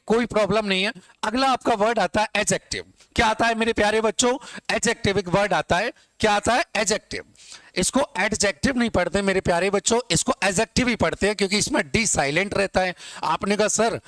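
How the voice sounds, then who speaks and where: High-voiced teacher drilling grammar slowly. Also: male voice, fairly bright tone, no echo. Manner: repetitive call-and-response questioning, addressing students as dear children; dictates example sentences slowly, word by word. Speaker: English teacher. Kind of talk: classroom grammar lesson in Hindi.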